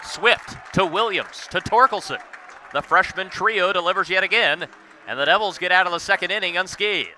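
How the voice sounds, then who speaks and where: A young man does live play-by-play, calling a game as a sports announcer in a high, bright, forceful voice at normal speed. Noisy arena and ballpark ambience surrounds him, with a faint crowd and bouncing basketballs.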